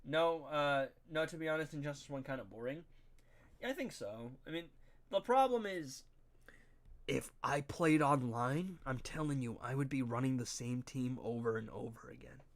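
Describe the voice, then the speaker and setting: A young man speaks in a mid-range voice at a moderate pace, sounding nasal and congested. He's live-streaming a game, chatting casually and talking directly to his viewers in slang.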